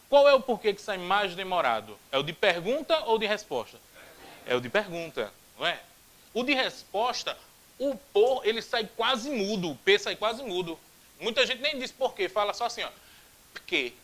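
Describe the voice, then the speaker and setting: A man with a Brazilian Portuguese accent teaching a grammar video lesson. He is animated, repeats drills aloud and drops jokey asides. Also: high voice, poor audio.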